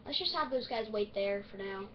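A woman with the hiccups giving rambling, excitable let's-play commentary on a strategy game. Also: medium pitch, a little fast, lo-fi sound, a little hiss or hum. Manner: chatty, easily excited, rambling. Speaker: gaming video host.

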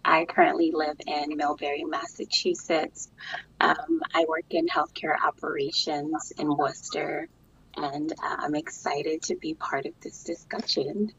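A woman's voice: low-pitched, steady tone, measured pace, vocal fry, a bit bright. A woman from Ghana giving a brief, polite introduction on a video call. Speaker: panel guest. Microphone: video call webcam. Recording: dull webcam sound with faint noise.

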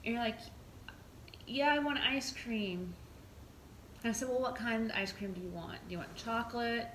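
A woman telling a funny story in a casual chat, acting out the lines of others with lively mimicry. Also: normal speed, reverberant, a little hiss or hum, low-quality recording. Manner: animated, mimics others in a higher voice. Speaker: storyteller recounting events.

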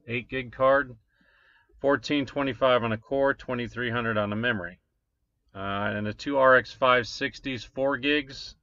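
At a desk in a small room, a man casually walks through his crypto mining numbers in a screen-share, rambling with many fillers. His medium-pitched voice sounds pushed and bright, with no echo, on a dull lo-fi desk recording.

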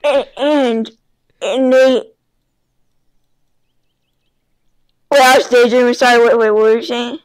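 A woman's voice: a little high, level tone, normal speed, smooth, pitched below the performer's own voice, lightly acted. A woman playing a scatterbrained grandpa who rambles through a story and gets sidetracked, improvised in a video game. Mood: rambling, distracted. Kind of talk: improvised role-play in a sandbox video game.

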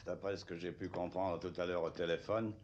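An actor playing a tactful, deferential German general who speaks formally in a French-dubbed war drama. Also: male voice, low voice, fairly even intonation, a little fast, darkish tone, highs cut off, lightly acted. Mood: uneasy reporting. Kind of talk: French film dub, war drama acting.

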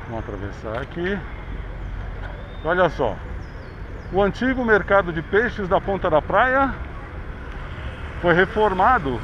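A man's voice: high-pitched, very animated, measured pace, pauses often. Brazilian man narrating a bike ride. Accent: Brazilian Portuguese. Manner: chatty tour-guide commentary, pointing things out. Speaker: vlogger. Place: outdoors on a city bike path. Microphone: action camera on handlebars. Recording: dull action-camera audio with street noise.

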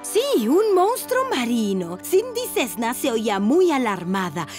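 A high, lively emergency bell announces things urgently. It is an animated cartoon dispatcher voice over faint music. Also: female voice, unhurried. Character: brisk, alert female emergency dispatcher bell.

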